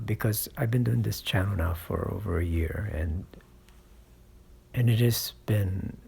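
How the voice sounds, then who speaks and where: A low, gravelly, slightly rough male voice belongs to a speaking coach hosting his own channel. He encourages listeners with motivational advice drawn from experience, frequently checking in with "right?" and "okay?"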